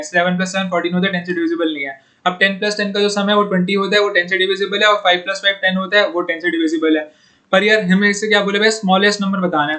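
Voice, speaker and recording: A man's voice: high-pitched, sharp tone. A young man teaching exam puzzles in a casual, chatty way, often calling his viewers "bhaiya" and "yaar". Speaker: online exam-prep tutor. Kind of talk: informal Hindi lesson solving puzzles.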